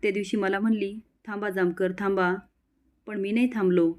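A woman voicing a sly, flattering male police inspector in a story recap, talking smoothly. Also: medium pitch, normal speed, close to an everyday voice.

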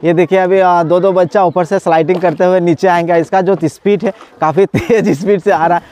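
A man in his forties with a cold, chatting casually as he vlogs at an outdoor water park, filming himself by phone at arm's length. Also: high-pitched. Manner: chatty, excited, laughs often, many filler pauses. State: has a cold. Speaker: vlogger. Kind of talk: casual vlog commentary. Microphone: phone selfie at arm's length.

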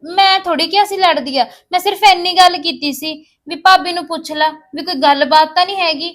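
An actress playing a young sister-in-law who pleads and defends herself. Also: female voice, very high-pitched, a little fast, fairly bright tone. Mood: pleading.

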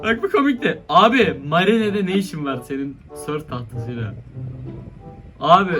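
A man's voice: sits high, expressive, moderate pace, music in the background. A young man giving casual, slangy commentary on funny video clips, often laughing and exclaiming. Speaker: YouTuber reacting to funny clips.

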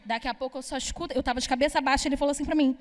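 A young woman from Brazil, speaking, does a stand-up comedy set on a club stage. Her voice sits high, and she talks in a brash, chatty way, teasing the audience and swearing freely. The room adds a long, ringing reverb. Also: fairly even intonation, rapid-fire. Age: young adult. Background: audience laughter.

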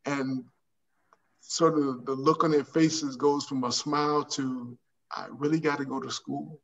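An older man speaking on a video call from home as an artist panelist, animated and repeating words as he searches for phrasing. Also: mid-range voice, unhurried, vocal fry. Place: home room with framed pictures. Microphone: video call webcam. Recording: distant, dull webcam audio.

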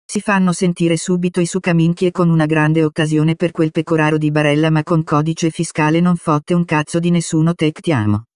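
A man with a slightly high voice delivers comic football commentary. He sounds like a partisan fan, excitable, crude and mocking, recorded close and dry as a voice-over. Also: a little fast, few pauses, no room sound. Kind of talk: comic scripted match commentary.

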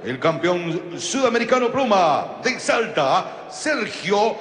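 A man introducing fights formally as a ring announcer, with showy drawn-out names in the manner of lucha libre, over a stadium PA. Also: big pitch swings, a bit bright. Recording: long booming arena reverb.

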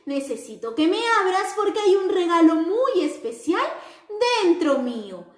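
A woman voicing a big, cheerful, eager talking gift box with a sweet, high sing-song voice. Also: sing-song, unhurried, heavily acted. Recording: roomy echo.

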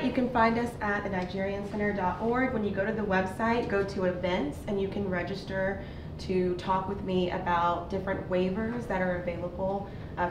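Woman giving practical advice on a panel, roomy echo, noisy recording. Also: medium pitch. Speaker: immigration attorney panelist. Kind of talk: informational panel remarks. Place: conference room panel. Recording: echoey distant room recording with noise.

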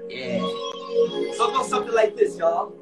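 A man's voice: sits high, very animated, moderate pace. A young man talking casually to viewers before singing, hyped and friendly, on a home video call. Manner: hyped, chatty, addresses viewers as y'all. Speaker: singer. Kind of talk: live-streamed song performance over a backing track. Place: living room at home. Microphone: handheld mic on a video call. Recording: backing music loud behind the voice.

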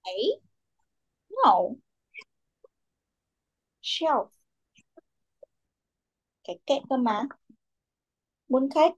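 A woman's voice: sits high, big pitch swings, extremely slow, long pauses, slightly rough. A young woman teaching a children's English class, who calls on pupils by name, repeats their answers and mixes English words into her instructions.

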